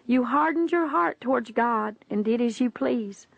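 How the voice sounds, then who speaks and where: A woman reading the lines of Jesus in a testimony story, with grave, measured pronouncements. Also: fairly high pitch, gravelly, no echo. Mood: solemn reproach. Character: solemn male Jesus, stern and sorrowful. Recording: dull, dry lo-fi recording.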